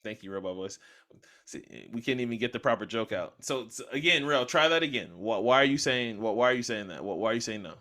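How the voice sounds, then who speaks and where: A young man hosting a casual podcast chat, arguing loudly and getting animated when he disagrees. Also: mid-range voice, fast talker, hardly any pauses. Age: young adult. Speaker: podcast host.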